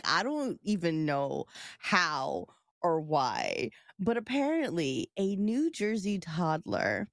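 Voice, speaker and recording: A woman's voice: mid-range voice, dry recording, clean studio sound. A woman co-hosting a podcast in casual banter, with a wry, teasing way of talking. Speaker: podcast co-host.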